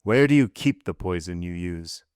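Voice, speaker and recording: A man's voice: on the low side, lively intonation, a little slow, no echo, clean studio sound. A man reading aloud, voicing a stern magistrate who questions his wife in a blunt, commanding way. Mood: cold, commanding. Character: cold, stern magistrate husband.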